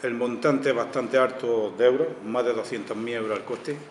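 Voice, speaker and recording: A man's voice: medium pitch, fairly even intonation, normal speed, a little hiss or hum. A man, a town councillor giving a press conference statement, earnest and tagging his sentences with little checks. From Spain. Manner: tags sentences with "vale" and "eh", earnest. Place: town hall press room. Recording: echoey hall with long reverb, faint ambience.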